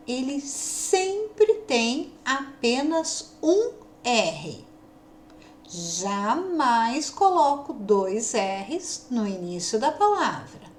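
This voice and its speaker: A woman teacher with a São Paulo countryside caipira accent, giving a video lesson to young children and sounding out syllables slowly. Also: a little high, echoey room, slight background noise. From São Paulo state, Brazil. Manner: slow, drawn-out sounding of syllables. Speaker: primary school teacher.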